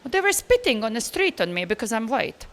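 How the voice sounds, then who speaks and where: High-voiced woman traveller. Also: fairly quick, slight background noise. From Bosnia. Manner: animated storyteller, laughs easily, loose grammar. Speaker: guest traveller. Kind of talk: casual interview answers.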